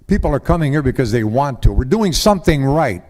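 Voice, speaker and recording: A man's voice: medium pitch, big pitch swings, fairly quick, darkish tone. Older man, folksy rambling speaker at a council lectern mic. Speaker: public commenter at council meeting. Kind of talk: public comment speech.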